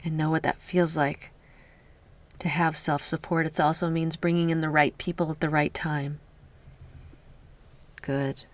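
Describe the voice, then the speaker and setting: Soft whispery woman guiding a meditation. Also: deep voice, level tone. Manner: soft, slow, repeats a soothing refrain, often drops to a whisper. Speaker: spiritual healing guide. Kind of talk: guided healing meditation.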